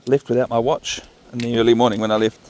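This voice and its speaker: A man's voice: medium pitch, little pitch movement, a little mellow, slight background noise. A man with a New Zealand accent rambling casually and thinking aloud as he records a vlog on a walk. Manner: unhurried, thinking aloud, musing. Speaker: vlogger walking his dog. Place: outdoors, walking along a path. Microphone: phone recording while walking.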